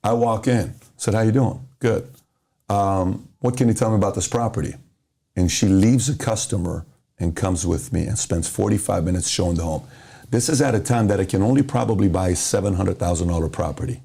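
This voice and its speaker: Middle-aged man from Iran, podcast guest; low, warm delivery, animated motivational storyteller who voices the people in his anecdotes. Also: a little fast, creaky. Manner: animated, acts out dialogue in stories.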